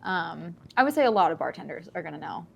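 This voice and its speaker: A woman's voice: on the low side, lively intonation, fast, vocal fry, slightly rough. A woman streamer chatting casually and telling a story, with lots of filler words and restarts.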